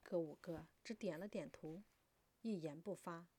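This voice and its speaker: A woman narrating a historical story in an expressive, dramatic reading. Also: on the low side, measured pace, slightly rough.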